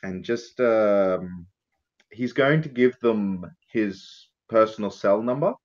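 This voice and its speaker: A man's voice: lowish voice, takes it slowly, dull audio. A man playing a tabletop game, chatting casually and joking. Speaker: player.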